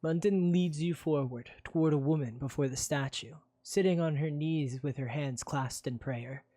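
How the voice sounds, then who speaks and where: A man narrating a role-play game as game master in a steady, descriptive way. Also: a little high, normal speed, no room sound.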